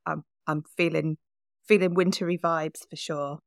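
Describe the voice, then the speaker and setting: A woman's voice: sits low, steady tone, measured pace, creaky, dry recording, studio quality. A woman co-hosting a podcast, playful and teasing in casual chat. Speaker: podcast co-host.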